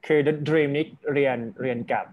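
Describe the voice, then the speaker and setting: A man's voice: a little high, fairly even intonation, moderate pace, narrow, tinny audio, slight background noise. A man teaching an online speaking class, talking in a chatty, encouraging way and switching between Thai and English.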